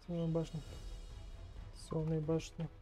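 A young male streamer gives casual gameplay commentary in short muttered remarks. His voice is slightly high but flat, and unhurried, with game music clearly behind it. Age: young adult. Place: indoors at a gaming desk, game music behind.

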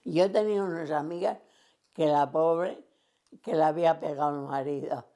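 A woman's voice: sits low, steady tone, normal speed, warm tone. A woman over a hundred, rambling through memories in an oral history interview. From Cantabria, Spain. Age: 100s. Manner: rambling reminiscing, acts out remembered dialogue.

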